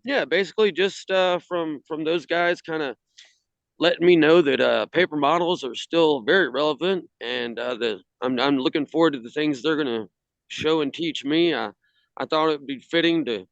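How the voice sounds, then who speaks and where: A man on a video call from outdoors in the cold, casually presenting his hobby work in a halting way. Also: on the high side, no echo. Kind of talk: casual slideshow talk. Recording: slightly dull video-call audio.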